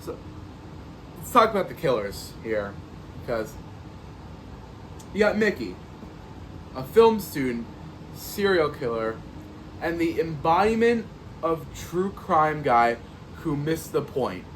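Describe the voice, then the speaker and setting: A man's voice: fairly high pitch, slow pace, pauses often, slight background noise. A man hosting a podcast, reviewing a horror sequel on his own in a sarcastic, joking way and acting out audience reactions. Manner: animated and sarcastic, doing mock audience reactions. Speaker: podcast host. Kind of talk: solo movie review.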